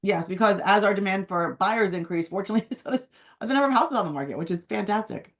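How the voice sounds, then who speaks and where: A woman real estate agent with a hoarse, phlegmy voice, chatting casually about the housing market. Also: medium pitch, animated, fast. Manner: chatty, uses many fillers. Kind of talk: casual market update chat. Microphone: video call.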